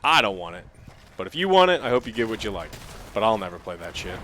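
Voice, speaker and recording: A man's voice: on the low side, big pitch swings, fast talker, pushed and bright, a little hiss or hum. A man co-hosting a game stream, chatting casually with a dry, teasing manner. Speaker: co-host playing a game on stream. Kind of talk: casual gaming chat.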